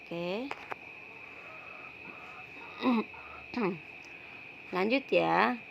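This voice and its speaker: A woman's voice: mid-range voice, very slow, gravelly, a little hiss or hum. A woman teaching young pupils in a recorded online lesson, affectionately calling them dear and ending phrases with "ya". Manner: calls pupils "sayang", frequent "ya" tags, repeats words. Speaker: primary school teacher.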